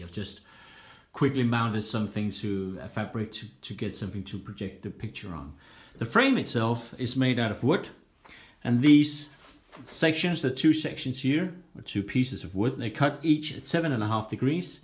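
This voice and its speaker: A man casually walking through his home cockpit build, explaining each step plainly with frequent "uh" pauses, filmed on a handheld phone. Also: lowish voice. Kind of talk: casual build-log walkthrough. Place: indoors in a home workshop room. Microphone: handheld phone camera. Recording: roomy echo in a bare room.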